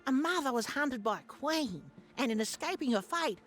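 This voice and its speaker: An actress playing a dramatic, portentous fortune teller in a video game. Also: female voice, high voice, lively intonation, moderate pace, soft background music. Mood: mysterious, portentous. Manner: theatrical, portentous. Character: mystical, dramatic female fortune teller, growing fearful. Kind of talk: video game character acting.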